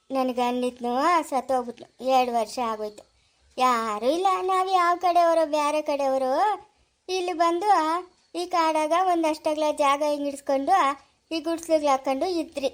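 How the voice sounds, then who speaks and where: A woman's voice: high-pitched, close to an everyday voice. A woman playing a lonely, widowed old grandmother who lives in a forest hut. She talks tenderly and coaxingly, soothing the same words over and over. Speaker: actor in family short drama. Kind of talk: amateur family drama acting.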